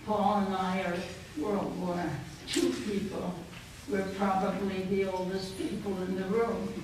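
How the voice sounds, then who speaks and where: Recorded from a distance in a very echoey indoor conference banquet room with faint noise, this poet and guest speaker in her early nineties relates personal stories to her audience. She speaks at medium pitch in a level tone, using short, deliberate phrases.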